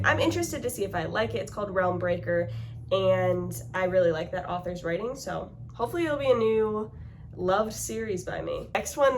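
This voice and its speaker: A woman book vlogger in casual chat, talkative and quick to laugh, with lots of "like". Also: mid-range voice, darkish tone, slight background noise. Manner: chatty, laughs often, lots of "like".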